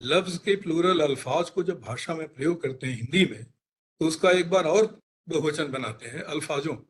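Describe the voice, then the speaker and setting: A man, a linguistics expert, explaining pronunciation in a deliberate teaching manner, spelling out and repeating his examples. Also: on the high side. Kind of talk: explanatory career talk.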